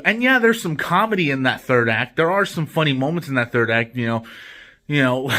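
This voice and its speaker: A man's voice: a little high, fairly bright tone. A man hosting a casual movie review vlog, rambling with lots of restarts and fillers. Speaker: host.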